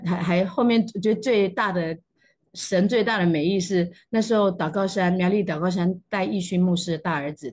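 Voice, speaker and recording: A woman's voice: medium pitch, darkish tone, breathy edge. A middle-aged woman with a Taiwanese Mandarin accent sharing a personal faith testimony in emotional storytelling, her voice jumping up at moving moments. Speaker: church testimony speaker.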